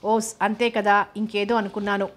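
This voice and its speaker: A woman reading the part of a gentle young village husband, who coaxes his wife with soft questions. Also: mid-range voice, little pitch movement, normal speed, natural voice. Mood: relieved.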